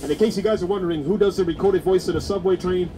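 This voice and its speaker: A man performing for passengers in a moving subway car, pitching his act like a showman. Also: quick pace. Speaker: street beatbox performer. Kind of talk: busking show patter. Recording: loud subway train noise.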